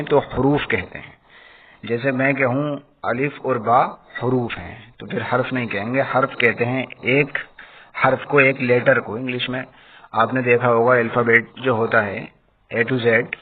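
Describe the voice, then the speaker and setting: A man's voice: medium pitch, husky. A man teaching an online lesson on reading letters and vowel marks, explaining patiently and often checking in with his students. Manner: slow, emphatic recitation drill of letter sounds. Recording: tinny phone-like sound with faint noise.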